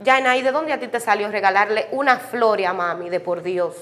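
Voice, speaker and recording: Casting: actress as a condescending, fast-talking sister, bright sharp voice. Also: female voice, medium pitch, lightly acted. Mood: mocking. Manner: mocking, condescending. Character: snobbish sister mocking cheap gifts.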